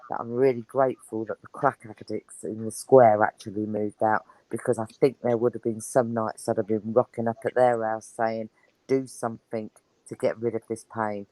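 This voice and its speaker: A woman's voice: rumbling low, little pitch movement, normal speed, hardly any pauses, darkish tone, no echo, rough recording. A woman chatting casually as a guest, rambling and enthusiastic. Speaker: guest on an online chat show. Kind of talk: casual chat.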